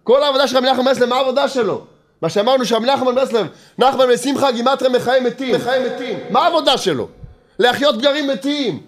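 High-voiced man teaching Torah. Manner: emphatic and repetitive, asks rhetorical questions; lively, mixes in humor.

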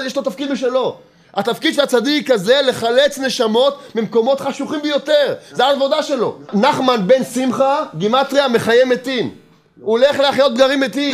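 This is a male Torah teacher with a very high voice, driving his points home through repetition and rhetorical questions. The tone is energetic, mixed with humor.

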